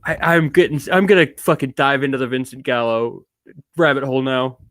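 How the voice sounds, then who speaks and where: A man's voice: medium pitch, brisk, no echo. Drunk, swearing male streamer. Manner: excitable, swears a lot. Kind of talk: casual livestream chat.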